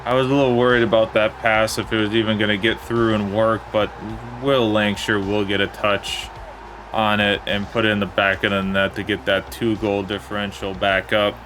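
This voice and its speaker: Low-voiced man commentating his game. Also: moderate pace, soft background music. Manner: plain, steady play-by-play with mild disappointment. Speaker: gaming commentator.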